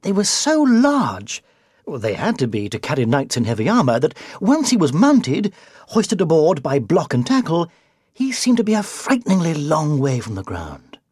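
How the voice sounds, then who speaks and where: A storybook narrator with a husky, breathy voice that swings widely up and down as the tale unfolds. The reading is expressive and sometimes sinks to a whisper for effect. The sound is dry and close. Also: medium pitch, moderate pace, dry recording.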